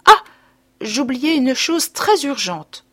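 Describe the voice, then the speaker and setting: A woman's voice: high voice, expressive, moderate pace, no room sound, pitched above the performer's own voice. A woman reading aloud, voicing a vain, fearful society mother who pleads breathlessly. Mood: hurried.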